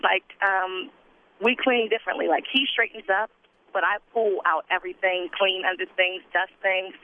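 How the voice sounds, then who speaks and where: Woman caller on a tinny phone line. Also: mid-range voice. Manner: casual, plain-spoken, frustrated venting. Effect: heard over the phone. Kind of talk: call-in radio conversation.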